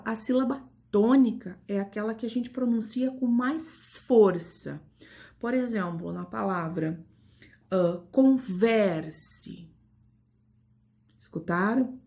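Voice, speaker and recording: A woman's voice: medium pitch, vocal fry, darkish tone. A woman primary school teacher with a Brazilian Portuguese accent, giving a patient, affectionate online grammar lesson to children.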